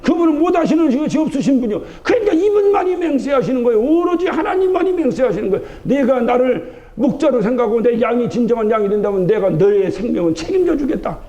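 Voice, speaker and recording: Heard on a dull broadcast recording of a church service, a Chungcheong-born Korean pastor delivers a sermon in the sanctuary, driving points home through rhetorical questions. His extremely high, dark-toned voice is expressive and quick, with few pauses.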